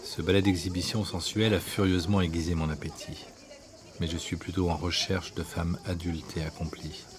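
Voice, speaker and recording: A man reading his own autobiographical story as scripted narration, in an intimate, hushed way that at times drops to a whisper. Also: low voice, level tone, normal speed. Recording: narration over clear background music.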